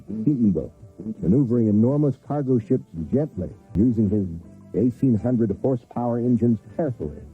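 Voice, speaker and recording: A male TV news reporter narrating a scripted feature story in a measured, storytelling delivery. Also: medium pitch. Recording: tinny VHS broadcast with music.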